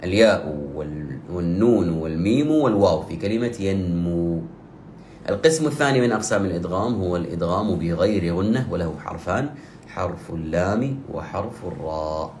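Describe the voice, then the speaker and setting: A man teaching Quran recitation rules, explaining slowly and chanting the example phrases in long drawn-out repetitions. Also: low voice, animated, a little mellow. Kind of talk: tajweed lesson with recited examples. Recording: echoey room with faint ambient noise.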